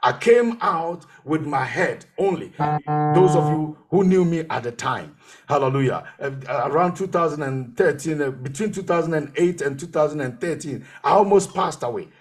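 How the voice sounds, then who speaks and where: A man's voice: a little high, normal speed, faint music behind. A man pastor preaching a sermon, telling his own testimony and repeating phrases for emphasis.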